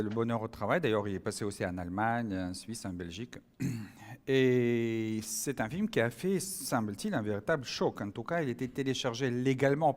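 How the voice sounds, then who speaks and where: Man, mid pitch, casual conference speaker, lots of asides and questions to the room. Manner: chatty, full of asides and audience questions. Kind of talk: conference talk.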